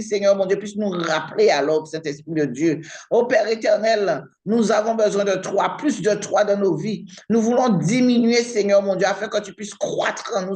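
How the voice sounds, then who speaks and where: A woman's voice: medium pitch, darkish tone. A woman praying aloud fervently, repeating "Seigneur, mon Dieu" and "Papa" between every phrase. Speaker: prayer partner. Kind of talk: spoken prayer.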